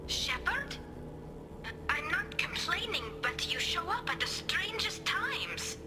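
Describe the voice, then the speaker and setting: Tali over a sci-fi communicator. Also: female voice, very high voice, big pitch swings, takes it slowly, exaggerated voice. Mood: urgent. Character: young female alien engineer, earnest and brave. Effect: sci-fi communicator radio transmission. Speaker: squad ally on comms. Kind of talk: video game voice acting. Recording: game audio with loud music underneath.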